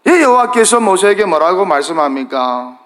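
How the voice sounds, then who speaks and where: A middle-aged male pastor preaching a sermon, asking the congregation question after question and letting his voice drop low and then rise again. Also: big pitch swings, normal speed, a bit bright. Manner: asks the congregation questions, rises and falls dramatically.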